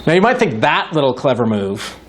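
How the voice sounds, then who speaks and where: A man's voice: mid-range voice, very animated, fairly quick, slight background noise. A man giving a university lecture to a live audience in a hall, wry and joking, thinking aloud with frequent restarts. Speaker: guest lecturer in philosophy.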